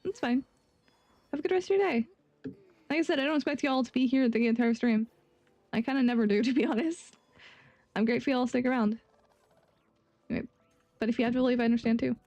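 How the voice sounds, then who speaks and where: A woman's voice: on the high side, fast talker, pauses often, a little mellow, dry recording, dull audio. A woman casually chatting with her viewers while live-streaming a game; laid-back, laughing often and swearing freely.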